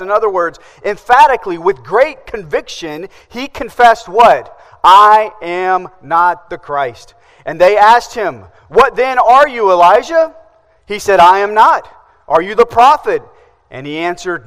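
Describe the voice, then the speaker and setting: A man's voice: high voice, a bit bright, long reverb tail. A man preaching a sermon as pastor, asking the congregation questions and answering them himself.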